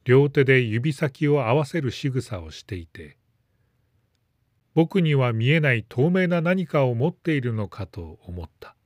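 A man reading a story aloud in a calm, measured narration. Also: medium pitch, dry recording, studio quality. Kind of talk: scripted narration.

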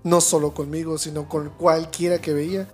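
A man with a Mexican accent, chatting as a podcast guest and telling his story in an animated way. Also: on the high side, normal speed, soft background music. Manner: animated storyteller, acting out quoted shouting. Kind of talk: casual chat.

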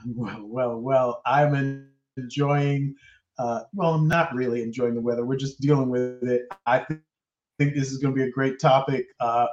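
A man's voice: medium pitch, fairly even intonation, normal speed, over music. A man hosting a podcast in casual chat, rambling and jokey, often laughing between phrases. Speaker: podcast host. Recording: roomy, slightly dull sound.

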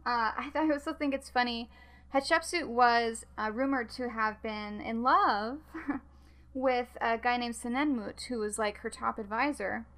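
A woman hosting a podcast in a casual, chatty way, often laughing and filling pauses with ums and uhs. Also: on the high side, fairly bright tone. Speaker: podcast host. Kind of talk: casual chat.

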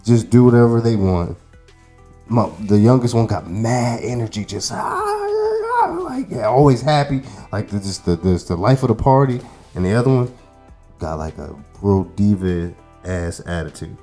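A man in his thirties, co-hosting a podcast, speaks at normal speed in a warm, fairly low-pitched voice while faint music plays. It's casual storytelling: one long, loose, rambling tale stuffed with swear words and fillers.

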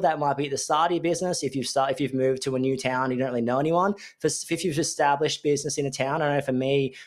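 A man, a tradesman and business owner, hosting a solo podcast in a rambling, jokey storytelling way. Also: mid-range voice. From Australia. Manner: rambling, jokey storytelling with animated put-on voices. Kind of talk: casual solo podcast talk.

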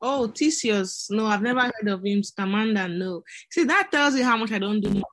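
A woman's voice: mid-range voice, animated, normal speed, a bit bright, no echo. A woman in casual discussion, talking hesitantly as she thinks aloud. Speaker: discussion panelist. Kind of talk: casual chat.

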